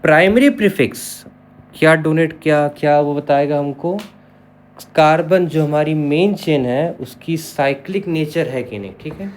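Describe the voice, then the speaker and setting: A man's voice: on the high side, measured pace, a little hiss or hum. A man teaching an online chemistry lesson, who spells terms out letter by letter and keeps checking in with his students. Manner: explanatory, checks in with repeated "okay".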